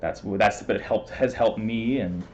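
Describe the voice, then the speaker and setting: A man talking fast as a guest in a casual interview, with lots of fillers and frequent laughs. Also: fairly low pitch, darkish tone, lo-fi sound, slight background noise. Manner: talks fast, laughs often, many fillers.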